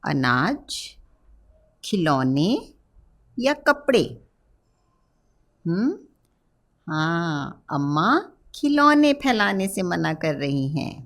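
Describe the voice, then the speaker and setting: A woman teaching a primary-school class, speaking gently and asking the children questions. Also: fairly low pitch, big pitch swings, very slow, pauses often. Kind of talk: children's lesson narration.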